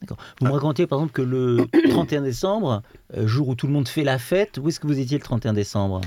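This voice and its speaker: A man's voice: mid-range voice, expressive, fast, warm tone. A man interviewing and introducing a guest, speaking emphatically and full of praise. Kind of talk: enthusiastic interview presentation.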